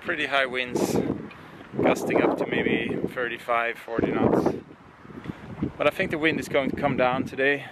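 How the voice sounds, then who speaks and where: A man's voice: medium pitch, fairly even intonation, moderate pace, very noisy. A man with a Swedish accent, talking easygoing about the weather on a sailboat vlog. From Sweden. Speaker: sailing vlogger. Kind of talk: casual vlog chat.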